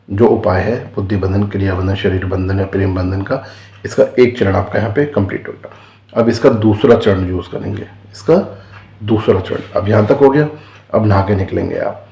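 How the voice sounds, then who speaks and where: Low-voiced man explaining a ritual, roomy echo. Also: mellow. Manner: patient, repeats steps, frequent "ठीक है" check-ins. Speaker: spiritual teacher. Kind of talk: casual spoken instruction on a ritual remedy.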